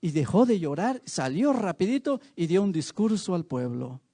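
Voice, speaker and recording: A man's voice: sits high, very animated, normal speed, dark tone. A male preacher giving a sermon in a church, telling the story dramatically and asking the congregation rhetorical questions.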